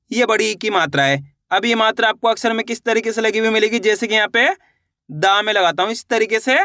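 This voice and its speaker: A man's voice: high-pitched, sharp tone, no echo, clean studio sound. A man teaching children's reading online, patient and repetitive, stretching out each vowel sound and calling his viewers friends. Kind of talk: online classroom lesson.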